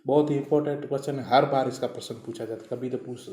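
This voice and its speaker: A man teaching a college class, explaining step by step with repeated examples and drawn-out key words. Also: medium pitch, steady tone, warm tone. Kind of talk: recorded classroom lecture. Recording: echoey room on a phone recorder.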